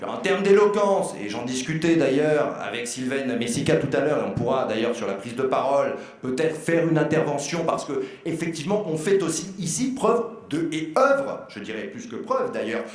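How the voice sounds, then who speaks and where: A man giving a comic roast of contestants on stage, rambling and mock-outraged, swinging between loud outbursts and mutters. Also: fairly high pitch, sing-song, moderate pace, few pauses. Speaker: jury member roasting contestants. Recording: very echoey hall.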